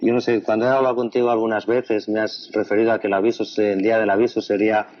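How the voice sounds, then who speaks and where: A man with a fairly low voice conducts an earnest, conversational interview. He often repeats the guest's answers back to her. The recording sounds dull and lo-fi. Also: little pitch movement, fast talker. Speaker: interviewer, a doctor.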